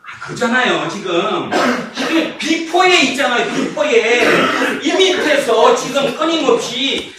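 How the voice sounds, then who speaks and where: A male pastor preaching a sermon, firing rhetorical questions at the congregation, drawing key words out slowly and laughing and shouting for emphasis. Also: very high-pitched, expressive. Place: church sanctuary. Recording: echoey hall, mic far off, noisy.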